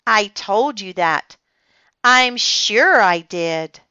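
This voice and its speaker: A woman's voice: mid-range voice, lively intonation, very slow, sharp tone, clear, resonant tone, no room sound, dull audio, voice pushed up, exaggerated voice. A woman as a patient, firm mother. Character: patient, brisk mother of a young girl.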